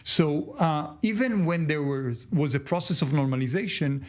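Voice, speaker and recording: A man speaking as a guest on a news panel, slow and halting with many fillers. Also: on the high side. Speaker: guest analyst.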